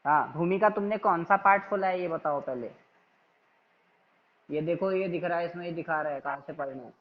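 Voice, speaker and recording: A man teaching an online class, calmly but firmly correcting his students' reading and repeating himself until they get it right. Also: a little high, normal speed, highs cut off. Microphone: video call.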